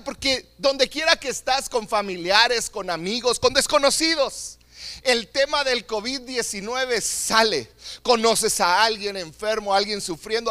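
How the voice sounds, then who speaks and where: A man's voice: very high voice, sharp tone, no room sound. A man preaching a sermon as a pastor, earnest and emphatic, repeating phrases for stress.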